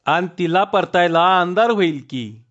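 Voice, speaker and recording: A man's voice: high-pitched, animated, measured pace, fairly bright tone. A man playing a cheerful rustic male farmhand, laughing and teasing as he talks, in a dull lo-fi recording. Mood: pleading. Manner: laughing, teasing village talk.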